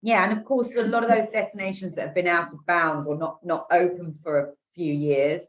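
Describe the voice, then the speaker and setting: A woman's voice: fairly low pitch, fairly even intonation, a little fast. A woman from the UK interviewing a cruise executive for a trade publication, chatty and encouraging.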